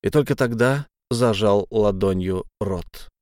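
A man narrating a first-person novel as an audiobook, in a measured, dramatic reading. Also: on the low side, darkish tone, no echo, clean studio sound.

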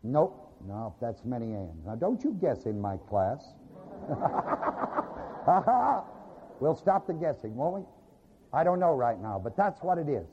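A man's voice: medium pitch, very animated, slow, long pauses, noisy background. A man preaching a sermon to a congregation, stopping often to ask them to finish his sentences. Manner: asks the congregation fill-in questions; repeats "you bet your life". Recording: lo-fi with long hall reverb.

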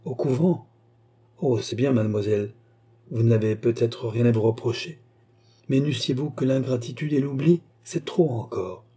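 A man's voice: mid-range voice, moderate pace, warm tone, slightly rough, close to an everyday voice. A man reading an audiobook voices a proud, wounded queen who speaks with bitterness and reproach. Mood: reproachful.

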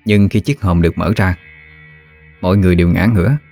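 A man narrating a ghost story in a steady, even reading voice. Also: sits low, a little fast, faint music behind.

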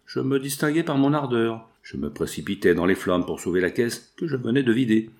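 A man's voice: mid-range voice, sing-song, a little fast, a little mellow. A man voicing a drugged, crazed male murderer who boasts feverishly of his crimes. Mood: wild boast. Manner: feverish, boastful, laughing strangely.

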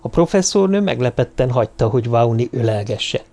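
A man's voice: medium pitch, animated, a little mellow. Man reading an audiobook. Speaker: audiobook narrator. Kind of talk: scripted audiobook narration.

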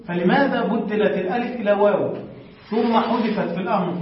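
A man teaching Arabic morphology to a class, reading from a text and putting questions to the students, then answering them himself. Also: high-pitched. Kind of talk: classroom lesson explaining a text. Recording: distant, muffled, very echoey room recording.

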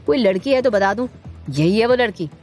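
A woman voicing a mischievous young man who talks in a bright, playful, teasing way. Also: medium pitch, animated, brisk, soft background music, close to an everyday voice.

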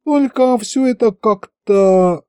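A man's voice: high voice, dark tone, smooth, dry recording, clean studio sound, voice pushed up. A man voicing a polite, reasoning horned male archivist at a royal court in an audiobook. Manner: courteous, measured.

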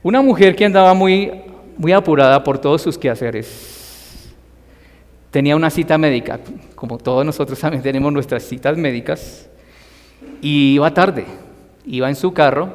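A man delivers an emphatic sermon, his voice sitting somewhat high for a man. He presses his points with rising force and calls out loudly at times. A long reverb trails behind every phrase. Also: normal speed, pauses often. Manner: emphatic, rising to loud acted cries for quoted voices. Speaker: preacher.

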